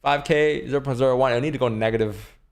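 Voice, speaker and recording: A fast-talking man with a medium-pitched voice, this twentysomething livestream day trader keeps things casual as he replies to chat questions. He's laid-back and swears every so often.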